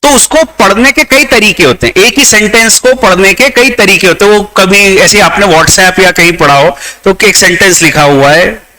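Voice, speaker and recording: A man's voice: sits high, moderate pace, bright, forceful tone, rough recording. A man with an Indian accent teaching a class, explaining law through examples and switching between Hindi and English. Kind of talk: classroom lecture.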